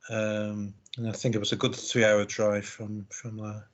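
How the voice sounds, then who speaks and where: A man co-commentating a live game, measured and reflective as he chimes in on plays. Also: lowish voice, completely flat delivery.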